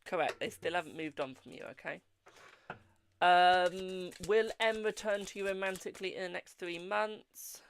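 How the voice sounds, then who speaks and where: Low, creaky British fortune teller. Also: fairly even intonation, moderate pace, slight background noise. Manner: fortune teller giving readings, calling listeners "my darling". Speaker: fortune teller, tarot reader hosting a live stream. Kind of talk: casual live-stream chat with viewers.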